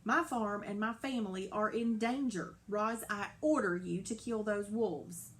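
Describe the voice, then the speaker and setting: A woman voicing a stern middle-aged male farmer who yells, forceful and loud. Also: lowish voice, flat delivery, moderate pace, vocal fry, a little hiss or hum. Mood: angry. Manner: yelling, forceful.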